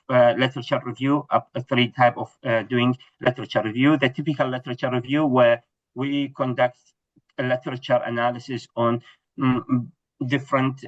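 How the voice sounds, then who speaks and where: Over a video call that cuts off the highs, a middle-aged Iraqi man gives a webinar lecture on research. His medium-pitched delivery is hesitant, full of fillers and restarts.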